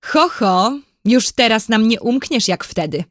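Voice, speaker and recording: A woman's voice: on the high side, animated, unhurried, fairly bright tone, no room sound, studio quality. A woman reading a storybook, voicing an angry, scornful male enemy army officer who sneers harshly.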